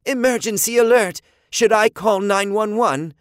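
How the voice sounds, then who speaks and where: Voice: mid-range voice, unhurried, no room sound, studio quality, voice pushed up, natural voice. A storyteller voicing a polite, literal-minded robot butler who speaks in a formal, stiff way.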